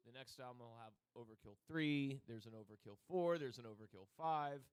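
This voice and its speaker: A podcast co-host with a New Jersey accent chats casually about metal albums, rambling through jokes and side stories and doing exaggerated voices when quoting people. His mid-range voice is fairly quick, clear and resonant.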